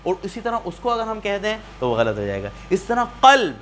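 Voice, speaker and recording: A man's voice: high voice, huge pitch swings, fairly bright tone, slight background noise. A man teaching a community Quran class, patiently quizzing students and repeating key points. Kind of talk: classroom lesson.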